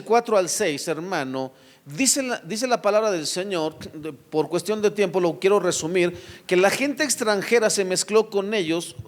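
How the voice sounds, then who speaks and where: A man preaching a sermon to his church, firing rhetorical questions at the congregation and addressing them directly. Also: high voice. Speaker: pastor.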